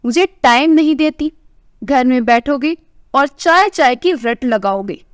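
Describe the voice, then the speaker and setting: A woman's voice: sits high, unhurried, smooth, dry recording, studio quality. A woman doing a scolding older wife. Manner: scolding, tart. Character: sharp-tongued older wife, caring underneath.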